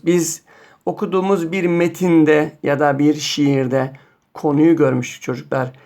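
Gravelly voiced guy teaching little kids about poems, reads slow, asks the kids by name. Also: on the high side, a little mellow. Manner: reads poems slowly, quizzes pupils by name. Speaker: primary school teacher. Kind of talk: classroom lesson.

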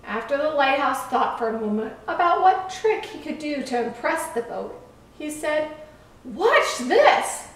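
A woman reading a children's story aloud in a gentle, measured way. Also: high-pitched, expressive. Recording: echoey room from far off.

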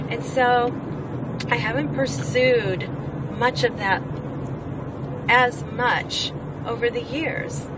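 Woman, forties, somewhat high voice, earnest vlog in a car, slightly off-mic with street noise behind. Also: far from the mic. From Oregon, United States. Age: 40s. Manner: earnest, heartfelt, repeats phrases for emphasis. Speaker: weight-loss vlogger. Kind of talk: emotional personal vlog. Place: parked car. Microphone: camera on the dashboard.

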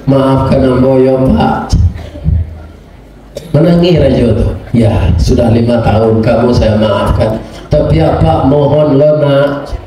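A middle-aged man with a Minangkabau accent preaches a sermon through a lively story, speaking slowly but animatedly as he acts out characters with frequent, large swings in pitch. He seems to be in a large hall or school assembly, captured on a distant mic with hall echo.

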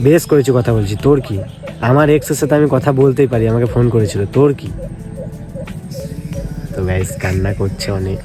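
A young adult prank video creator banters on the phone in a casual, provocative way, needling and dismissive, and makes asides to viewers. His medium-pitched voice is brisk with frequent pauses, and music plays behind him.

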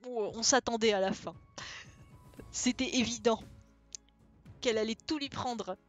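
Woman streamer, casual chat, relaxed, lots of fillers, slightly high voice, faint music behind. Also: a little slow. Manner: relaxed, thinking aloud with many fillers. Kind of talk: casual live-stream chat and read-aloud. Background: faint background music.

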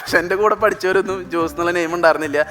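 A young man rattles through a stand-up routine at a breakneck pace, his voice pitched high and lively as he slips into impressions. He is performing on a television stage. Music and a live audience can be heard clearly behind him. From Thrissur, Kerala. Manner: rapid, animated storytelling with mimicked voices. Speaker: stand-up comedian. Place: TV studio stage.

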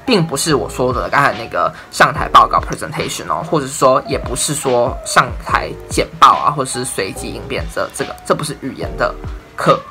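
A young man with a Taiwanese Mandarin accent explains things in a chatty vlog, his tone bright and forward. He keeps stringing thoughts together in an easygoing, talkative flow. Soft music plays faintly behind him. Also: medium pitch, big pitch swings, brisk. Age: 20s. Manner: chatty, leans on "I'm telling you" and "and then". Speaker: university English major vlogger. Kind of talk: casual explainer talk to camera.

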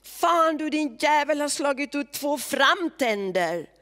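A woman's voice: fairly low pitch, sing-song, fairly bright tone, in a large hall. A woman voicing a foul-mouthed, quarrelsome teenage boy who leads a band, in a literary reading. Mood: furious. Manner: crude, boastful, quarrelsome.

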